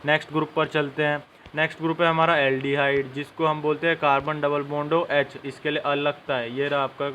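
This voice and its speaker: A man's voice: a little high, level tone, fairly quick, fairly bright tone, a little hiss or hum. A young man teaching a chemistry lesson step by step and speaking directly to his students. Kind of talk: classroom-style lesson.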